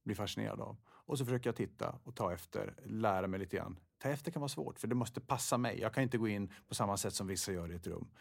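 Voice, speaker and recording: A man's voice: lowish voice, vocal fry, hardly any pauses. A man guest in an interview, speaking reflectively and often posing rhetorical questions to himself. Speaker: guest, football referee.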